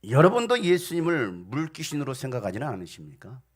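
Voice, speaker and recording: A man preaching a sermon as pastor, lively and dramatic, acting out quotes with sudden shouts. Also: mid-range voice, a little fast, slightly rough.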